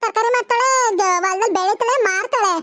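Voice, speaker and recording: A woman's voice: very high voice, quick pace, a bit bright, dry recording, studio quality. A woman voicing an outspoken, scolding village aunty in a cartoon. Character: blunt neighbourly village aunty. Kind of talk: cartoon voice acting.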